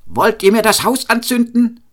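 Man doing Meister Pfriem, shrill nagging shoemaker. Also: big pitch swings, normal speed, fairly bright tone. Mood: indignant. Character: cantankerous fault-finding master shoemaker, man. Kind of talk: fairy tale reading.

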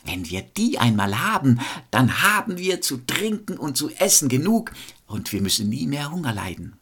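A man's voice: medium pitch, very animated, normal speed, fairly bright tone, breathy edge, voice pushed up, exaggerated voice. A man voicing a bossy peasant wife and mother who gives demanding orders in a storybook tale. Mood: coaxing.

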